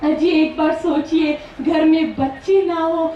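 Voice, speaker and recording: A woman's voice: sits high, steady tone, slow, lo-fi sound, slight background noise. A girl giving a speech voices a worried, sickly mother who tearfully begs for help finding her missing child, heard through an echoey public address from far off. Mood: pleading. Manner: tearful, pleading delivery.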